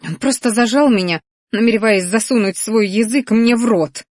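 A woman's voice: a little high, expressive, moderate pace, a little mellow, no echo, studio quality, pitched above the performer's own voice. A woman voicing a flustered, hot-tempered young female mage in an audiobook, with snappish, indignant outbursts.

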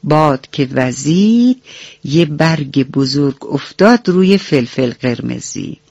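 On the radio, a woman storyteller tells children a bedtime story, tenderly calling them her dear ones. Her deep, expressive voice is creaky and a little mellow, with no room sound. The studio recording is dull and dry.

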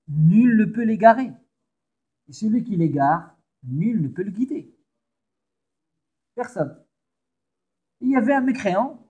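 A man's voice: on the high side, warm tone, husky. A man with a Tunisian accent giving a religious lesson, emphatic and repeating his key phrases. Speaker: religious teacher.

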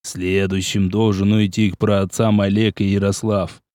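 A man's voice: lowish voice, little pitch movement, a little slow, a little mellow, dry recording, clean studio sound, pitched below the performer's own voice, close to an everyday voice. A man voicing a cold, scheming older nobleman who speaks curtly and dismissively. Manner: curt, dismissive, menacing.

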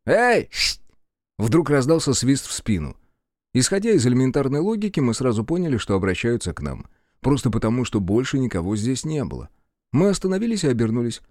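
A man's voice: mid-range voice, big pitch swings, fast talker, warm tone, dry recording. A man narrating an audiobook in the first person, with a dry, sardonic delivery.

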